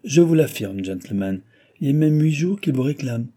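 A man doing a gruff, guttural bony doctor. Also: mid-range voice, lively intonation, normal speed, warm tone, voice pushed up. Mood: placid, reassuring. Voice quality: guttural foreign accent. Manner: phlegmatic, firm, grumbling. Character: tall, bony male American doctor, placid and gruff.

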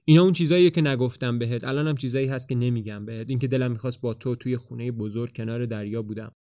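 An anxious young man with an urgent, pleading way of speaking, read by a man telling the story. His voice sits at an ordinary middle pitch and lifts as his words get more heated. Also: steady tone, mellow, dry recording, studio quality, close to an everyday voice. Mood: passionate. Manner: urgent, pleading, rising to passionate. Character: anxious young man, scared then bold.

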